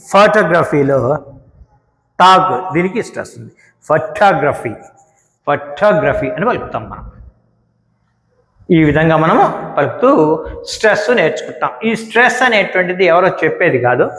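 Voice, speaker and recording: A man teaching English word stress, explaining slowly and repeating each example word. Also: high voice, fairly bright tone. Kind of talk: spoken grammar lesson. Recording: echoey room with long reverb.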